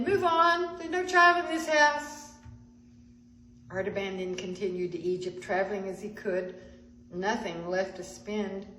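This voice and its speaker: A woman's voice: mid-range voice, a little hiss or hum. Woman telling a story in an echoey sanctuary. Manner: gentle, expressive, with small restarts. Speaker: storyteller at a spiritual center service. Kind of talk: Christmas story narration. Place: church sanctuary. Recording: echoey sanctuary with faint ambience.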